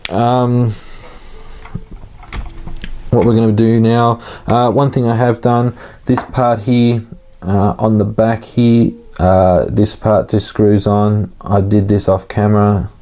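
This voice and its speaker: A man giving a casual, hands-on tutorial, informal and halting as he thinks aloud while working. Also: lowish voice, little pitch movement, dark tone. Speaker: hobbyist host of an RC car build series.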